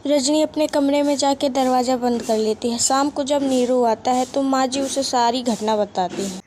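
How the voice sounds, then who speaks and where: High-voiced woman narrating a cartoon story. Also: moderate pace, a little hiss or hum. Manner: plain, steady storytelling.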